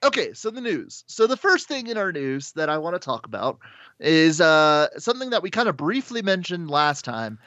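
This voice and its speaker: A man's voice: fairly high pitch, very animated, normal speed, pushed and bright, dry recording, muffled recording. Enthusiastic man co-hosting a podcast. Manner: enthusiastic, laughs often, uses lots of fillers. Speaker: podcast co-host. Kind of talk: casual chat.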